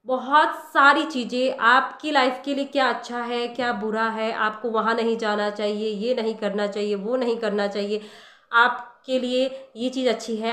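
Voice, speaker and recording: A meditation teacher with a somewhat high, slightly bright voice gives a casual spiritual talk on meditation. She addresses the listener directly and conversationally, posing rhetorical questions, and the room she's in is echoey.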